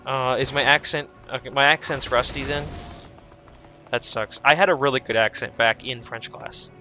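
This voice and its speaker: A man's voice: mid-range voice, steady tone, moderate pace, bright, forceful tone, faint music behind. A young man streaming a video game, chatting in a rambling, easygoing way with lots of restarts. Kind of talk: casual chat while streaming a game.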